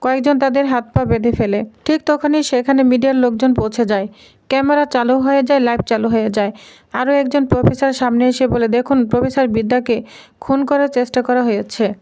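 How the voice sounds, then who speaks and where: A woman giving a scripted, steady recap of a TV serial episode, reading the characters' lines aloud in her own plain voice. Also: fairly high pitch. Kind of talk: scripted narration.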